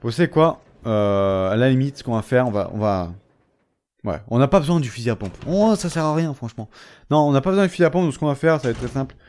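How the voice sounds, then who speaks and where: Talking at a quick pace, a let's play gamer gives loose commentary on his play and addresses the characters directly. He taunts and ridicules foes, swinging from low muttering up to excited yelps.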